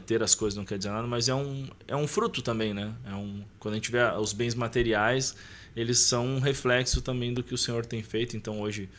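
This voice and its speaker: A man in his thirties with a Brazilian accent tells personal stories as a podcast guest, speaking casually in a colloquial, slangy way. His voice is on the low side and a bit bright, and he often seeks agreement with short tags.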